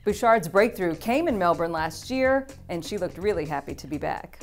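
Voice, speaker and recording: A woman's voice: on the low side, expressive, normal speed, soft background music. A woman presenting a scripted sports news roundup, upbeat and polished, with light quips between items.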